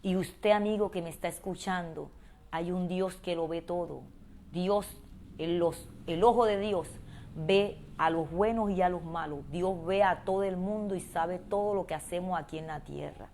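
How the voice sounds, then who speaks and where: A woman pastor preaching a sermon, speaking tenderly and pleadingly, then swelling into loud, fervent calls. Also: on the low side, moderate pace, a little hiss or hum. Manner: emotive preaching, swings from soft intimate pleading to loud calls.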